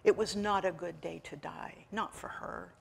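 A woman author reading her own novel aloud in a wry, measured storytelling manner. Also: fairly low pitch, gravelly, slight background noise.

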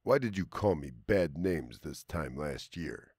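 A man's voice: a bass voice, lively intonation, measured pace, a little mellow, breathy edge, no room sound, studio quality, exaggerated voice. A man doing a bullying greedy wolf. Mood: menacing.

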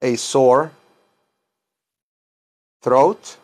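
A middle-aged man with a mid-range voice teaches slowly, giving a bilingual English lesson in Spanish and English. Informal and repetitive, this English teacher and self-styled chaplain dictates phrases word by word in a small wood-paneled room.

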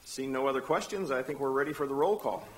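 In a council chamber, a man with a medium-pitched voice chairs a county council meeting, speaking into a desk microphone. He runs the hearings briskly and drops in dry asides.

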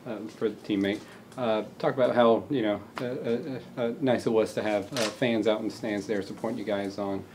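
A man, a reporter, asking questions in a halting way with many fillers. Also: lowish voice, fairly even intonation, noisy background. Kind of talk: press conference questions.

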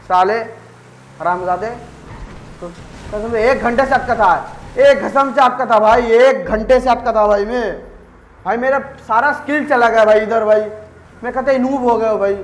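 A man giving live gameplay commentary as a gaming YouTuber, excitable and trash-talking rivals with swearing. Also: extremely high pitch, echoey room, low-quality recording.

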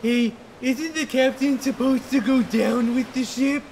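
A man voicing a calm, practical alien companion in a comedy machinima, with a dry, level-headed manner. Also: extremely high pitch, unhurried, a little hiss or hum.

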